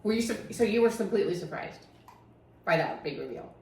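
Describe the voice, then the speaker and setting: A chatty woman co-hosting a podcast in a relaxed book discussion. Her voice sits at a middle pitch, and she asks questions and laughs along with her partner. The room around her is echoey. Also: a little fast, gravelly. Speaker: podcast co-host. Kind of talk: casual book-club chat.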